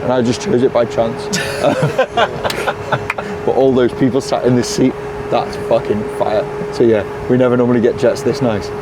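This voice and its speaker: Young guy vlogging, hyped and sweary, mid pitch, street noise behind. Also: normal speed. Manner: excitable, swears casually, laughs often. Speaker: DJ and vlog host. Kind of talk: casual vlog chat to camera. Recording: clear background traffic noise.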